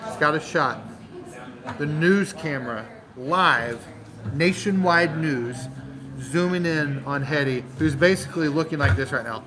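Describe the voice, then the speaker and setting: A man hosting a channel, telling a long joke in casual storytelling style, animated and full of dramatic pauses. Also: on the high side, low-quality recording. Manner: animated, dramatic pauses, acts out crowd voices. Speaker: channel host.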